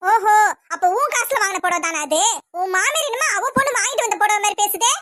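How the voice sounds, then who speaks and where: A woman's voice: extremely high pitch, fast, very noisy. A woman voicing a domineering, quarrelsome old mother-in-law in a cartoon who scolds and insults the family. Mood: scolding.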